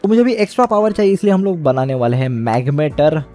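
Young male gamer host, a bit higher voice, casual step-by-step commentary over faint music. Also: sing-song, fast talker, dark tone. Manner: explains step by step, mixes English words into speech. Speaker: gaming channel host.

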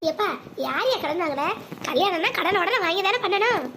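A woman voicing a caring young man, son and elder brother, in an animated family drama, speaking reassuringly. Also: very high-pitched, a little fast, slight background noise. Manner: reassuring, steady, protective.

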